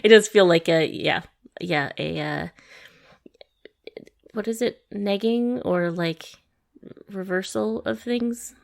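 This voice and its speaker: A woman co-hosting a podcast in casual chat, chatty and quick to agree. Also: mid-range voice, creaky. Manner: chatty, agreeable, lots of fillers and restarts. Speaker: podcast co-host.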